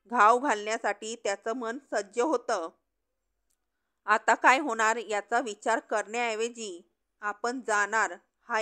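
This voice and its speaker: Slow, dramatic woman storyteller. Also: on the high side, a bit bright. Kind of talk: scripted story narration.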